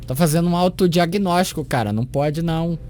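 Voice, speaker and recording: A man's voice: fairly high pitch, brisk, a little mellow. A man commenting critically on a sermon clip, sarcastic and scornful, with a mocking tone.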